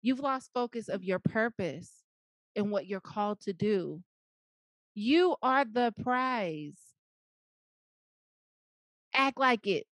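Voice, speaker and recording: A woman guest on an interview, telling stories in an animated, playful way and quoting herself. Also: mid-range voice, slow pace, long pauses, no room sound. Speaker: guest, media executive. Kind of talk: interview conversation.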